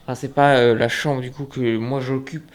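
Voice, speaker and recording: A man chatting casually as he films a tour of a holiday apartment, joking and filling pauses with hesitations. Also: medium pitch, flat delivery. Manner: chatty, joking, many fillers. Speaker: vlogger. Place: indoors and on a balcony.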